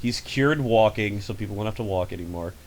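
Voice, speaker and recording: A man hosting a casual podcast over a voice call, telling rambling, animated stories. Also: lowish voice, brisk, a crowd in the background. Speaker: podcast host. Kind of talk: casual chat. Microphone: home microphone over a voice call.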